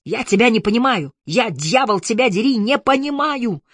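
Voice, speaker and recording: Woman playing tired bitter wife, snapping, low voice, dry close read. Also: very animated, unhurried, husky, dry recording, heavily acted. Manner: sharp, bitter. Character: embittered, weary young mother.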